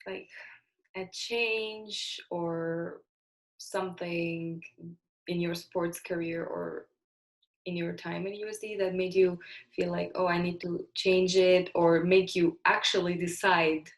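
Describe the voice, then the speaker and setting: A woman's voice: fairly low pitch, flat delivery, slow pace. A woman hosting an interview show, introducing her guest and asking upbeat questions. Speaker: podcast host.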